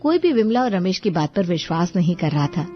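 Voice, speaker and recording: A woman narrating an animated storybook in a steady, storytelling manner. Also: lowish voice, fairly quick. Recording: dull lo-fi audio with music.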